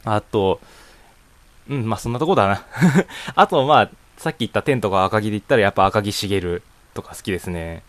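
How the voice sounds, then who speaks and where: A young man in his student years hosts his own net radio show from a home room, talking solo while answering a voice questionnaire. His fairly low, fairly bright voice moves briskly in a dry recording, rambling loosely with frequent chuckles and casual fillers.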